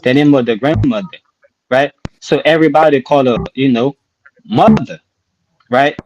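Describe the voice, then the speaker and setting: A man's voice: medium pitch, normal speed, a little mellow. A man in a casual group discussion call, talking through a bluetooth headset mic with crackling sounds and often checking in with "right?". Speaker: participant in an online discussion call. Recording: muffled bluetooth mic with faint clicks.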